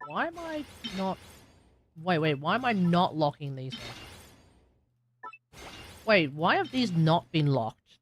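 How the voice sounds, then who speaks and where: This young Aussie game streamer thinks out loud and talks to his viewers in a loose, rambling way, now and then erupting loudly. The voice sits in the middle range, with a little hiss or hum on the recording.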